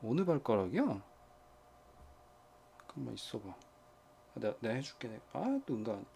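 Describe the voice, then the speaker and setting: A man chatting casually to viewers while tending his small pets at home, often dropping to a soft coaxing murmur. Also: mid-range voice, big pitch swings, moderate pace, gravelly, slight background noise. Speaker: pet vlogger.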